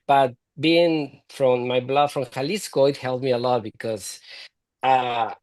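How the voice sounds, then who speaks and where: A man's voice: mid-range voice, fairly even intonation, measured pace, a little mellow, no echo. Easygoing man with a Mexican accent. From Mexico City. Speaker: actor guest. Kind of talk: interview chat.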